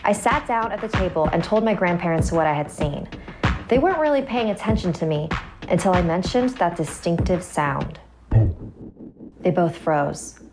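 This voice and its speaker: A woman with a fairly low voice delivers scripted horror narration in the first person. Music plays clearly behind her. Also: lively intonation, normal speed. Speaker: story narrator.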